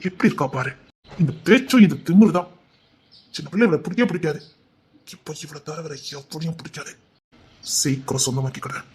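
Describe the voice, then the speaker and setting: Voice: medium pitch, lively intonation, quick pace, long pauses, a little mellow, slightly rough. A performer playing a cocky young village man who is smitten, speaking with a Tirunelveli Tamil accent in a teasing, swaggering way. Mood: longing. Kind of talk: amateur drama skit.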